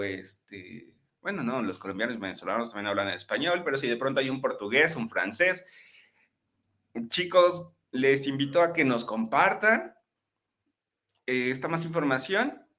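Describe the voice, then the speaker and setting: A man's voice: mid-range voice, expressive, normal speed, bright, forceful tone. A man giving a chatty live-streamed motivational talk, often checking in with his listeners. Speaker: motivational speaker. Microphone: laptop microphone.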